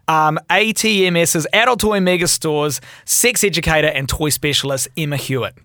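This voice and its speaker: A woman's voice: low-pitched, normal speed, a bit bright, dry recording, clean studio sound. A woman hosting a podcast in casual chat, informal and exclamatory with some swearing. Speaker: podcast host.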